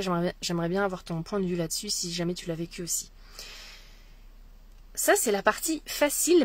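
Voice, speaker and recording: A French spiritual coach speaks to camera in a casual monologue, her medium-pitched voice hesitant and full of fillers and restarts. The recording is dry, and she has a French accent.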